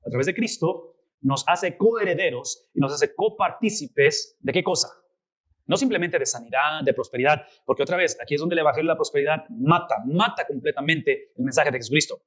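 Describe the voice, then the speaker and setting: Animated man teaching a Bible class. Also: fairly high pitch, a little fast, dull audio. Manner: animated, rhetorical questions to the class.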